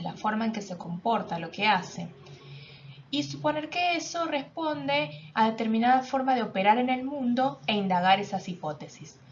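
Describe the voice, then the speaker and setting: A woman with a fairly high voice lectures, walking through each point patiently and tossing in rhetorical questions. The recording sounds dull and lo-fi, with a faint hiss underneath. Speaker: university lecturer. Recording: dull lo-fi audio with faint noise.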